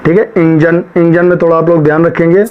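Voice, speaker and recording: A man's voice: fairly high pitch, flat delivery, brisk, smooth. A man teaching a spelling lesson, drilling words one after another, right and wrong, with much repetition. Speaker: shorthand teacher. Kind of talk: spoken lesson. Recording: dull lo-fi sound.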